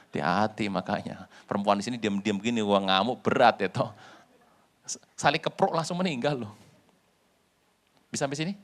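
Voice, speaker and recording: A male pastor preaching a sermon in a lively storytelling way, with jokes. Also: fairly low pitch, moderate pace, pauses often.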